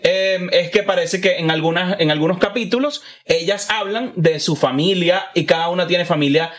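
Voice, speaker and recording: Man with a higher voice, podcast co-host, rambling and hesitant, thinks out loud. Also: moderate pace. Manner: rambling, hesitant, many fillers and repeats. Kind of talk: casual chat.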